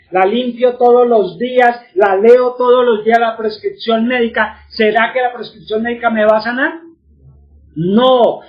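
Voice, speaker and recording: A man's voice: very high voice, muffled recording. A man giving a religious teaching, who keeps asking his listeners questions and then answers them himself.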